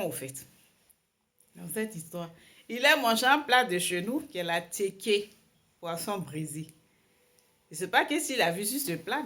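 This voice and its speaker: A woman's voice: mid-range voice, fairly bright tone. A young woman telling a story time to her viewers in a casual, wry, amused way, with many fillers and restarts. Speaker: vlogger.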